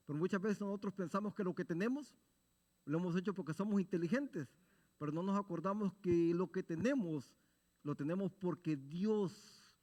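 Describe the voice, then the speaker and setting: High-voiced man preaching in a reverberant church. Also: a little mellow. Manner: asks the listeners rhetorical questions and answers them; earnest, exhorting tone. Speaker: Bible study teacher at a church. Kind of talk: Bible study sermon. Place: church sanctuary. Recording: long reverb of a church hall.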